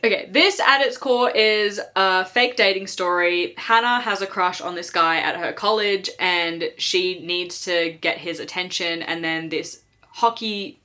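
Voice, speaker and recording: A young woman vlogging from home about her reading, her voice bright and ringing. She talks with a slight lisp from a swollen tongue and rants emphatically, piling up fillers and repeating herself for effect. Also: lowish voice, unhurried. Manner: animated, emphatic ranting with frequent fillers. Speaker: book vlogger. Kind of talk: casual reading wrap-up chat.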